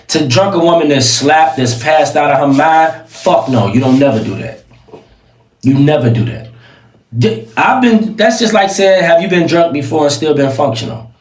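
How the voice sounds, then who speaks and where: Animated, playful man from Chicago. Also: on the high side, roomy sound. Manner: animated, playful, talks over others. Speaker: podcast co-host. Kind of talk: casual banter.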